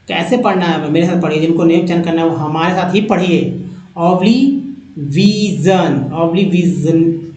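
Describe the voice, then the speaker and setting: A man's voice: on the high side, a little mellow, roomy sound, rough recording. A man teaching English vocabulary, sounding out long words syllable by syllable and coaxing viewers along with friendly asides. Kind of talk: spoken English vocabulary lesson.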